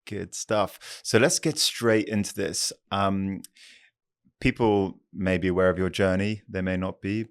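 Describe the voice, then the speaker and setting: A man's voice: low voice, steady tone, unhurried, clear, resonant tone, dry recording, studio quality. A man hosting a business podcast, talking in a friendly, conversational way and summing up his guest's answers. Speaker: podcast host. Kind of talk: casual interview chat.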